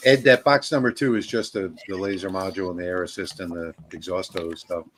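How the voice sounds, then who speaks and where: A man's voice: sits low, fairly even intonation, a little fast, a little hiss or hum. A man co-hosting a live stream, reading viewer comments aloud and chuckling often. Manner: chuckles often, relays chat comments to the host. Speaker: co-host reading live chat.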